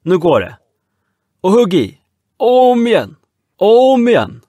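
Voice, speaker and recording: A man's voice: medium pitch, no echo, close to an everyday voice. A man voicing a wounded sloop captain barking orders at his crew in an audiobook. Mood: urgent commanding. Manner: commanding, shouted orders.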